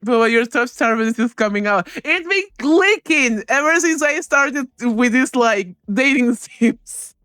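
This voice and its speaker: Excitable, giggly woman streamer. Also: fairly high pitch, unhurried, few pauses, clear, resonant tone, no echo, clean studio sound, soft background music. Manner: giggly, excitable, swears freely. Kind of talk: gaming stream commentary.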